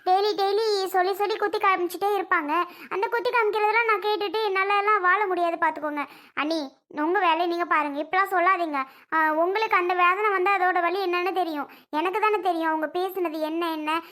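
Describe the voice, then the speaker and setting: A woman playing a stubborn young wife who angrily refuses to go back, snapping sharp retorts. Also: very high voice.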